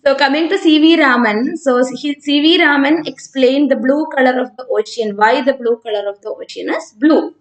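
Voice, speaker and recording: Woman, South Indian accent, high-pitched voice, online teacher, conversational live lesson, explains with check questions. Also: moderate pace, few pauses. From Kerala, India. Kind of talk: informal live-stream lesson, answering student comments.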